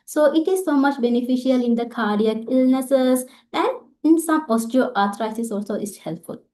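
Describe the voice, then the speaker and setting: A woman with a Sri Lankan accent giving an informal instructional talk as an Ayurvedic doctor, halting and often checking in with short tag questions. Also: sits high, dark tone. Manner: halting, checking in with "right?" and "okay".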